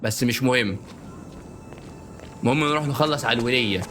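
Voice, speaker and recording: A man with an Egyptian Arabic accent giving joking let's-play commentary, often bursting into panicked repeated shouts. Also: medium pitch, brisk, a little hiss or hum. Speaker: gaming YouTuber. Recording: game music playing underneath.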